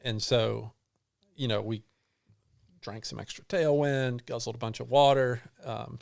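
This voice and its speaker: A middle-aged man, a guest on an interview show, telling a long personal story in a halting way, with many restarts and fillers. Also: medium pitch, vocal fry. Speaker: guest runner.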